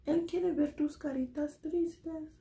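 A woman teaching a children's drawing lesson, gently checking in with "ok" after each step and slipping English "so" into her Spanish. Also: high voice, steady tone, slow pace, gravelly. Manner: soothing, talks to toy friends.

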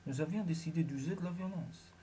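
A man narrating a science fiction audiobook in the first person, measured and dramatic. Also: fairly high pitch, mellow, slight background noise.

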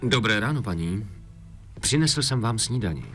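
A man's voice: fairly low pitch, expressive, over music, natural voice. An actor playing a stiff, formal butler in a dubbed TV drama. He speaks politely but stubbornly.

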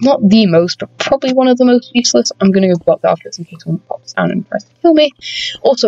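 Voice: mid-range voice, dry recording. Rambling game commentator, lo-fi. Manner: chatty, rambling, frequent ums, addresses viewers as people. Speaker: gaming channel host. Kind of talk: let's-play commentary. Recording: dull, dry lo-fi home recording.

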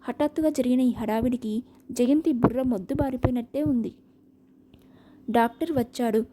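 A woman narrating an audiobook novel with a steady, expressive reading. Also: fairly high pitch, moderate pace, background noise.

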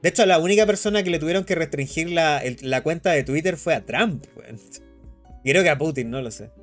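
A man's voice: fairly high pitch, fairly quick, faint music behind. A young man with a Chilean accent, chatting casually on a live stream and reading chat aloud. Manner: animated, slangy, reads chat aloud.

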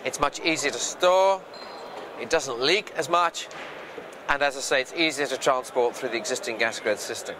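An older man speaking to camera at a trade fair, explaining energy trends in a measured way with occasional hesitations, recorded on a lapel mic. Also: mid-range voice, background noise. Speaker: futurist speaker. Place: large indoor trade fair hall.

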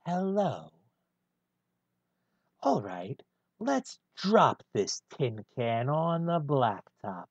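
A man voicing a gruff, brooding male hedgehog antihero in a one-take fan reading of a film script, deadpan and husky. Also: medium pitch, extremely slow, long pauses, no room sound, dull audio, heavily acted.

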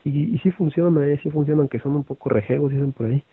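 Speaking quickly in a fairly high, breathy voice, a Mexican-accented man teaches an online session to other teachers. His conversational lecture leans heavily on fillers and tag questions. No room sound comes through, though the audio is thin like a phone call.

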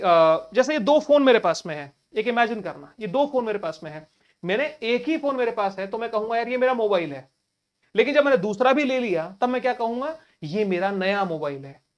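Man teaching with rhetorical questions. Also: sits high. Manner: conversational, rhetorical questions to students; colloquial address to listeners. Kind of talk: exam-prep lecture.

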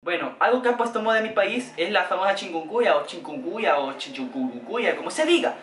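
A man's voice: high voice, brisk, slight background noise. A teenage boy from El Salvador with a Salvadoran Spanish accent, joking playfully through a comic vlog monologue in his bedroom, filmed by a camera a few steps away. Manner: playful, joking, lively gestures. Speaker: vlogger. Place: bedroom, indoors. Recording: roomy bedroom echo.

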